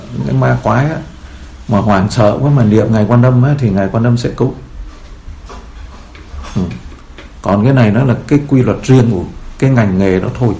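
A man's voice: medium pitch, gravelly, mellow. A man as a Buddhist teacher giving a sermon, telling stories in a rambling way with many fillers, in a roomy echo.

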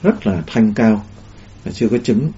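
A man's voice: on the low side, animated, a little slow, dark tone. A man giving a Buddhist dharma talk in a rambling way, with many fillers and restarts. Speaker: Buddhist teacher. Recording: dull lo-fi recording.

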